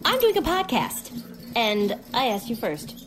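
A woman's voice: fairly high pitch, big pitch swings, measured pace, fairly bright tone, soft background music. A woman voicing an eager, chatty pet dog who hosts a podcast, bouncy and easily distracted, in a children's audio comedy. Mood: indignant.

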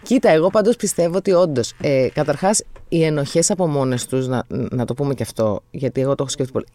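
A woman's voice: deep voice, warm tone. A middle-aged woman talking as a guest in a casual conversation, thinking aloud with frequent hesitations.

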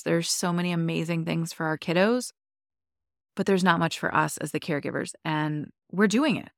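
A woman's voice: sits low, gravelly, dry recording, studio quality. A young adult woman, co-hosting a podcast in casual, enthusiastic chat full of "like". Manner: chatty and enthusiastic, many likes. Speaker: podcast co-host.

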